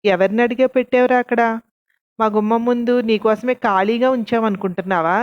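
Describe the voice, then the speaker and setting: A woman narrator voicing a fierce, angry middle-aged neighbor woman who scolds loudly. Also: fairly high pitch, fairly quick, no room sound, lo-fi sound, close to an everyday voice. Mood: scolding. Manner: loud, scolding.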